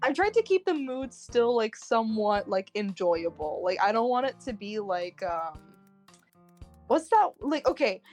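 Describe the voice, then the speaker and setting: A young woman on a livestream talks casually about her game, circling her points with plenty of fillers. Her voice sits a little high, and faint music plays behind her. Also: very animated, unhurried, a little mellow. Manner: rambling, lots of fillers. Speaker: streamer and game writer.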